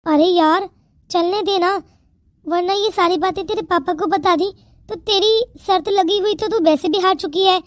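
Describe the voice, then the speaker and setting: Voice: very high-pitched, moderate pace, dry recording. A voice artist playing a chatty, carefree young woman who is the heroine's best friend in a cartoon. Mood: persuading. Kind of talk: cartoon story voice acting.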